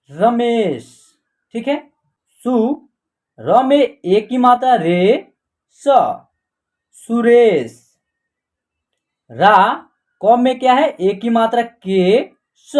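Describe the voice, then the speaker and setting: A man's voice: high voice, a little mellow. A man teaching an online Hindi lesson, patiently sounding out letters and words one at a time. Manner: slow and patient, repeating and sounding out each letter.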